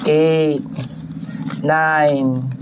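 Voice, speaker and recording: A man handing out aid, talking casually and comforting an old woman, repeating himself and rising high in pitch. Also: little pitch movement, extremely slow, lo-fi sound, background noise. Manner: coaxing and repetitive, voice rising high when comforting. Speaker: charity vlogger handing out aid.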